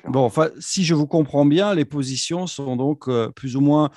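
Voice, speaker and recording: A man's voice: fairly high pitch, moderate pace, dark tone, no echo, studio quality. A man hosting a casual French sports talk show in a conversational, teasing way. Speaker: rugby show host.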